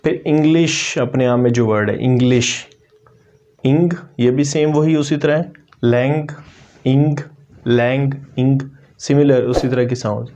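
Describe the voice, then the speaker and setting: A male English teacher gives a pronunciation lesson. He explains each point in a calm, even voice and says the target words over and over at a slowed pace. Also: mid-range voice. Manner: repeats words slowly to model pronunciation.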